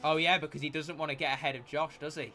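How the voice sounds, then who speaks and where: A man giving live motorsport commentary as a race commentator, with an excitable delivery that rises at incidents. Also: a little high, fast talker, a little hiss or hum.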